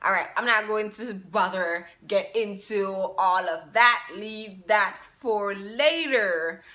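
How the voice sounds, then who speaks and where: A woman's voice: mid-range voice, slow pace, pushed and bright. A Jamaican woman vlogging in a chatty way, repeating herself and asking her viewers questions. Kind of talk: casual talk to camera.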